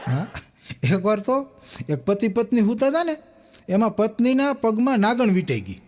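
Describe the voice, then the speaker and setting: A man's voice: high-pitched, moderate pace. A young man, telling jokes on a live stage and acting out the people in them. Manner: animated storyteller acting out quoted characters. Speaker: stand-up comedian telling jokes. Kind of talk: Gujarati folk stage joke-telling. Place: live stage show with audience.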